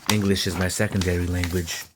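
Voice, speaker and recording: A Mexican American man whose first language is Spanish speaks in a flat, low voice over a noisy background. As a video blogger, he reads a text aloud and comments on it, halting, repeating words and restarting.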